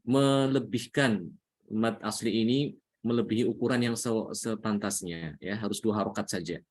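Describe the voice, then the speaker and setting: Patient Indonesian man teaching recitation. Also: on the low side. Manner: patient, repeats points with frequent "ya". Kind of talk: religious lesson.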